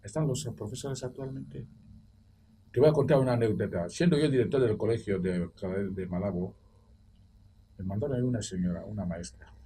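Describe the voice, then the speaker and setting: An older man from Equatorial Guinea telling lively anecdotes on a studio roundtable, his mellow, dark voice jumping into the voices of the people he quotes. He sits some way from the mic, with a faint hiss of noise behind him. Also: on the low side, recorded from a distance. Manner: animated anecdote-teller, acts out quoted voices. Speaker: debate guest, former school director. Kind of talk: roundtable debate.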